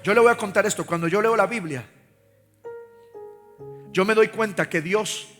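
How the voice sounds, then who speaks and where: Here the pastor, a Costa Rican man, speaks at a normal speed in a voice that sits high and sounds fairly bright. He preaches live and passionately asks the congregation to repeat his lines, in a reverberant large church with faint music in the background.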